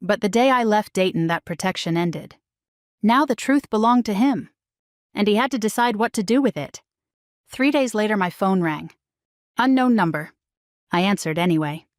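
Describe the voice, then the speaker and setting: A middle-aged woman narrating a first-person story in a calm, measured way. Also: mid-range voice, dry recording, clean studio sound. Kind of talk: scripted narration.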